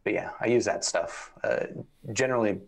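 Husky, gravelly man guest. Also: fairly low pitch, moderate pace. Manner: relaxed, stammers and repeats words. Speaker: guest reviewer. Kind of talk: casual live-stream chat.

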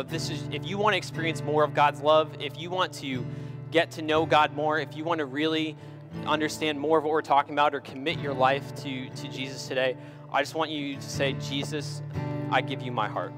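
A man giving a sermon as a pastor, retelling a Bible story in a conversational way and often checking in with "right?". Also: a little high.

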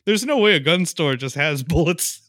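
A man co-hosting a podcast, laughing often as he excitedly retells movie scenes in casual chat. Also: on the high side, normal speed, dry recording, clean studio sound. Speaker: podcast co-host.

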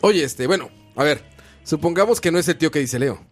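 A man's voice: on the high side, a little fast, faint music behind. A man with a Mexican accent hosting a casual comedy chat, telling stories in slangy, sweary language. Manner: slangy, swearing, animated storyteller. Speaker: comedy show host.

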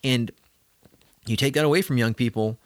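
A man's voice: mid-range voice, normal speed, no echo. A man co-hosting a podcast in casual chat, talking earnestly and emphatically in long run-on strings of points. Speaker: podcast co-host.

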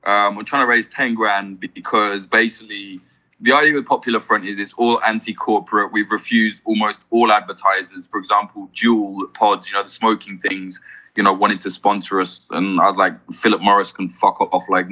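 A man's voice: fairly low pitch, steady tone, sharp tone, lo-fi sound. A man talking as a podcast guest, blunt and swearing freely in casual interview chat. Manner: blunt, swears freely, fast run-on explaining.

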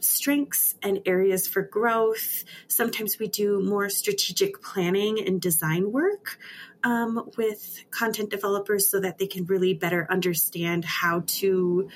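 A middle-aged woman, a guest who leads an education nonprofit, explaining her work in a clear, organized way. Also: medium pitch, slight background noise. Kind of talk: interview answers.

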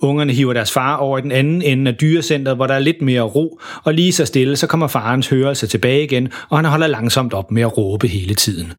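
A man's voice: medium pitch, few pauses. Man narrating a children's story.

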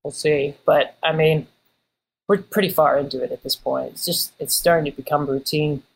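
A man's voice: on the high side, steady tone, normal speed, creaky, slightly rough, low-quality recording. A man from Kansas City, a guest in a casual conversation, easygoing and dry in his humor. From Kansas City, United States.

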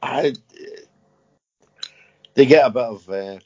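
A man in his fifties, an army veteran, answering interview questions in a halting way with many fillers and repeated words. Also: medium pitch, dark tone, slightly rough. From Scotland. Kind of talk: casual interview. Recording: muffled lo-fi audio.

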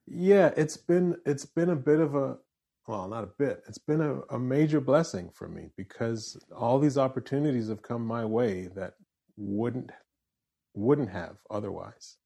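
A Canadian man in his forties with a fairly neutral accent, a musician talking in a relaxed interview, restarting phrases as he thinks. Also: medium pitch, unhurried, vocal fry, slightly rough. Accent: fairly neutral Canadian English. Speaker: musician and voiceover artist guest. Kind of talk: casual interview chat.

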